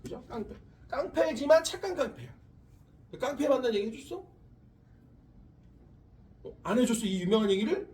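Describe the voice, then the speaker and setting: Animated high-voiced male physics teacher. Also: moderate pace, pauses often, recorded from a distance, a little hiss or hum. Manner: animated, crude slang, acts out quoted voices. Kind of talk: classroom lecture with storytelling. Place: classroom.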